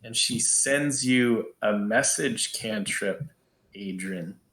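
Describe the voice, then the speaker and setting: A man narrating as game master, telling the scene slowly and voicing the townsfolk. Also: fairly low pitch, fairly bright tone, roomy sound. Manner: slow, storytelling narration with voiced townsfolk.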